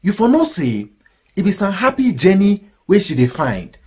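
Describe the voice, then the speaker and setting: A man in his thirties with a Ghanaian accent presenting mock-serious, deadpan comic news commentary in Pidgin. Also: sits high, moderate pace, slightly rough.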